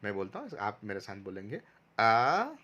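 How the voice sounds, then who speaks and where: A man's voice: mid-range voice, animated, moderate pace, fairly bright tone, dull audio. A man teaching a recorded online lesson to first graders, patiently going step by step and sounding out syllables for pupils to repeat. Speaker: primary school teacher.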